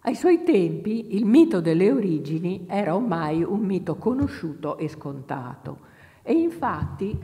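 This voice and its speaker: A woman from Italy gives an academic lecture in a low, mellow voice, pausing often with fillers as she gathers her thoughts. Her words ring with long reverb from a lecture hall. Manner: hesitant, many fillers, reads quotations aloud. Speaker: university lecturer.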